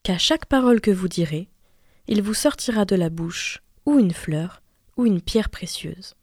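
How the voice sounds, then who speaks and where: A woman voicing a calm, gracious female fairy who speaks in a measured way, in a fairy-tale reading. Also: medium pitch, no echo, studio quality.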